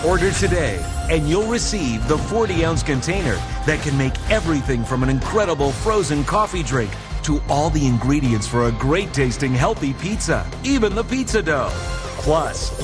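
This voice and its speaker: High-pitched hard sell ad man. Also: animated, normal speed. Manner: emphatic, urgent pitching. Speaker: infomercial announcer. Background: music behind the voice.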